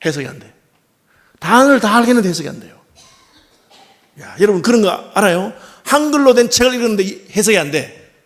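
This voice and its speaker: Preaching in a church sanctuary, this middle-aged Gyeongsang-accented pastor keeps his sermon conversational and full of rhetorical questions for the congregation. His high, slightly bright voice is expressive and fast, though he pauses often.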